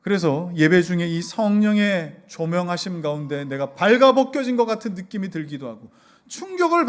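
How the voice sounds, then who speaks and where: A male pastor giving an expository sermon, asking the congregation rhetorical questions as he goes. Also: a little high. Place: church hall in a basement.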